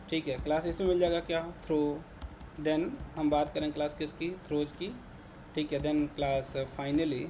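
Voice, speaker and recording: A man's voice: fairly high pitch, a little mellow, a little hiss or hum. Hindi-speaking man teaching a class. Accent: Indian Hindi. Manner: repetitive, checks in with "ठीक है ना" constantly. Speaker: programming teacher. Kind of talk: classroom lecture. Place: classroom with students.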